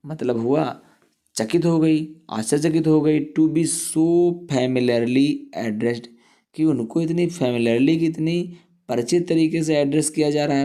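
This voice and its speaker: A man's voice: medium pitch, mellow. A male teacher explaining an English story line by line, reading each sentence and then glossing it in Hindi.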